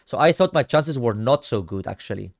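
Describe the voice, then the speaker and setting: A young streamer from Cyprus, with a Greek Cypriot accent and a gravelly, medium-pitched voice, casually reviews his card game matches. He talks a little fast with lively intonation, chatting with viewers in a slangy way, speaking to chat and often trailing into a mutter.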